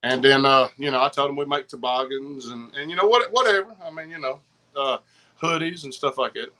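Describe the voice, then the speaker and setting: A middle-aged man with a Southern US accent chatting casually as a podcast guest, rambling in slang and repeating himself excitedly. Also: mid-range voice, brisk, low-quality recording. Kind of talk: casual chat, rambling anecdotes.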